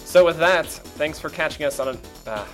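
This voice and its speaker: A man's voice: on the high side, normal speed, a bit bright, faint music behind. A man hosting a casual podcast, joking and laughing with his co-host.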